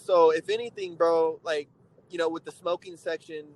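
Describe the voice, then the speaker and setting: A man hosting a casual interview, talking in an excited, slang-heavy way full of filler phrases. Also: on the high side, normal speed, poor audio. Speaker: interviewer, host.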